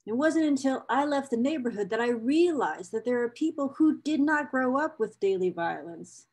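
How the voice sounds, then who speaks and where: A woman reads a book excerpt aloud as a presenter, adding casual asides to viewers and repeating phrases for emphasis. She sounds enthusiastic and emotionally invested, with a slightly high, a little mellow voice, lively intonation, and normal speed.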